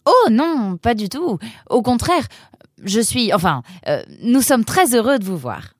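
A woman voicing a lively, flustered young woman. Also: a little high, a little slow, no room sound, clean studio sound. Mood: flustered polite. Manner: animated, exclaiming.

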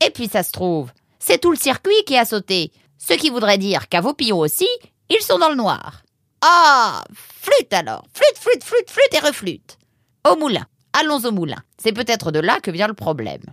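A fussy, excitable female creature who runs a watermill, always fretting and exclaiming, as a woman puts her on for a storybook. Her voice sits high and jumps wildly up and down, with a breathy edge. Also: a little fast, few pauses, no room sound, clean studio sound. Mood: fretful. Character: fussy excitable female animal, mill keeper. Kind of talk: storybook character voice.

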